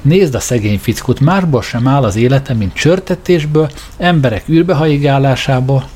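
A man's voice: mid-range voice, darkish tone, slight background noise, voice pushed up, close to an everyday voice. Man doing a glib coaxing alien traveler. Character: glib, fast-talking male alien hitchhiker.

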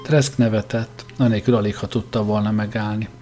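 A man narrates a story in a measured, fairly low voice. The reading is steady and scripted. Faint music runs under it. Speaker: audiobook reader.

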